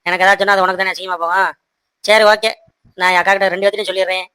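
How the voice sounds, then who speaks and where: Man playing a fast-talking cartoon husband, high bright voice, soothing and harried. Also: level tone, clear, resonant tone, no room sound. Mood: placating. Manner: soothing, placating, talks to the audience. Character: harried young husband, stuck between wife and sisters. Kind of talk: cartoon voice acting.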